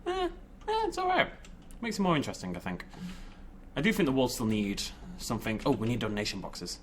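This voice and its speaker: A man's voice: mid-range voice, huge pitch swings, brisk. Guy doing chatty gaming commentary, voice swings up and down a lot, bit of background noise. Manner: informal, playful, talks to the game animals. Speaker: gaming video host. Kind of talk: casual game commentary, thinking aloud.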